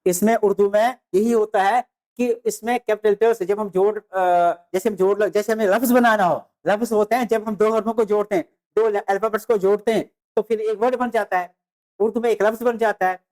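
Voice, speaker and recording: A teacher giving a beginner lecture on the alphabet, naming letters slowly one by one, repeating them and speaking straight to the students. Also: mid-range voice, steady tone, a little mellow. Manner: addresses students directly with "dear students". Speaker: Urdu teacher.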